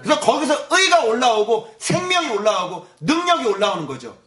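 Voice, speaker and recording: A man's voice: very high-pitched, sing-song, brisk, a bit bright, roomy sound. A male pastor giving a Sunday morning sermon in a church, firing rhetorical questions at the congregation. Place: church sanctuary.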